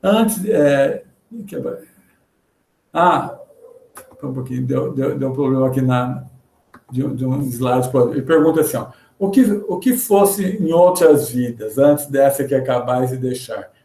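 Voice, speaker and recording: A man with a Brazilian Portuguese accent giving a religious lecture over a video call, earnest and halting, with repeated fillers. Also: medium pitch, creaky, warm tone. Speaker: spiritist lecturer. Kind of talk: religious lecture with read-out passages. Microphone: computer mic in a video call. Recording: roomy echoey video-call audio.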